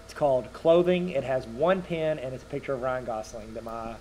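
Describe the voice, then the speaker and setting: A man's voice: medium pitch, a little fast, dark tone, slight background noise. A man with a Californian accent chatting casually on a podcast, with a dry, wisecracking way of talking. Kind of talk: casual joking podcast chat.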